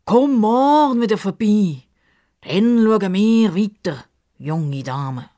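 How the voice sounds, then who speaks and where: Storyteller puts on a smug crocodile for a children's storybook, pitched up, lazily slow. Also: lively intonation, mellow. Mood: drowsy, patronizing. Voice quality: slow, drawn-out, lofty. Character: boastful male crocodile, lazy and condescending.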